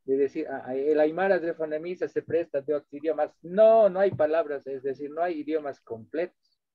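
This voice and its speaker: Fairly high-voiced man teaching a class. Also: brisk, no room sound. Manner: explanatory, checks in with listeners often; switches between two languages while teaching. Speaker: translation course instructor. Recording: dull dry lo-fi audio.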